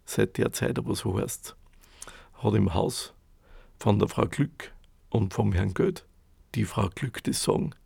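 A man tells a fairy tale in a lively, folksy, dialect-tinged way. His voice is very gravelly, husky and dark. It sounds close and dry, like a studio. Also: fairly low pitch, a little slow, pauses often, no echo. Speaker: storyteller. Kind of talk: spoken fairy tale narration.

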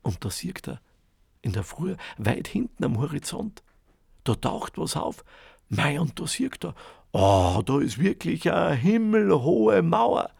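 Guy telling a fairy tale, super gravelly, husky, dry close recording. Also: on the high side, very animated, no echo. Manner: dramatic, with drawn-out words and hushed asides. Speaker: storyteller. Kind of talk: oral fairy-tale storytelling.

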